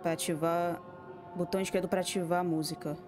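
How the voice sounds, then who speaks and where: Talking to herself while streaming a horror game, this Brazilian woman swears a lot and startles easily, exclaiming at each fright. Her voice is lowish and flat, her pace a little quick, and music plays underneath. Her accent is Brazilian Portuguese.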